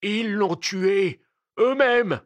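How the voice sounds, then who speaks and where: Man doing old wild-eyed ex-soldier, shouting, high strained voice, dry close sound. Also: drawn-out words, no room sound. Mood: desperate shouting. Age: older. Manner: shouting in desperate protest.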